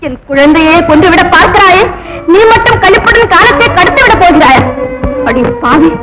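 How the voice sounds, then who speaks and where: A devoted young wife begs in an impassioned, tearful, very high voice. Her delivery is 1950s film melodrama acting. Loud music fills the old film soundtrack behind her. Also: animated, moderate pace, poor audio. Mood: cursing. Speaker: pleading young wife and mother.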